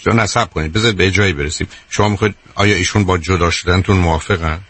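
A man hosting a call-in advice show on radio, calm and firm, addressing the caller as dear. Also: low-pitched.

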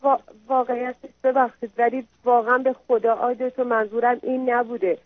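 A woman's voice: fairly high pitch, level tone, dry recording. A woman, a mother, calls in to a radio advice show and speaks in an apologetic, pleading way. She defers to the host as she explains herself. Her voice comes through a tinny, dry phone line. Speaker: caller, a mother. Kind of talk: call-in conversation.

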